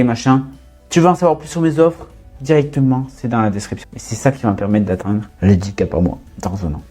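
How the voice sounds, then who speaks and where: Young adult man, relaxed mellow voice, informal vlog delivery full of fillers. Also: medium pitch. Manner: fast casual, many fillers, addresses viewer as "tu". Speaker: freelance content creator. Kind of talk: casual talking-head vlog.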